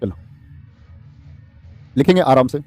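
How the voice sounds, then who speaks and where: A man's voice: medium pitch, slow pace, a little mellow, no echo, faint music behind. A man teaches grammar in a live online class, quizzing his students and reading out their comments. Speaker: Hindi exam-prep teacher.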